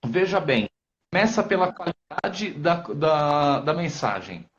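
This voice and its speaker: Brazilian guy, priest, telling stories on a live stream, kinda high voice, dull lo-fi sound. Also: slow. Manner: lively storyteller acting out quotes, frequent tag questions. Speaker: Umbanda priest, guest.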